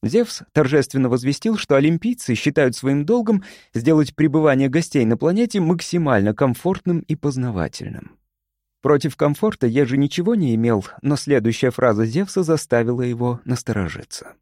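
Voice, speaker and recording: Male narrator, scripted storytelling: mellow and animated, dry close sound. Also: mid-range voice, dry recording. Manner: expressive, measured storytelling. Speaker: audiobook narrator.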